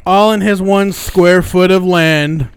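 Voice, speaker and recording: A man's voice: sits high, steady tone, takes it slowly, smooth. A man in a casual podcast chat, teasing the others with giggly banter.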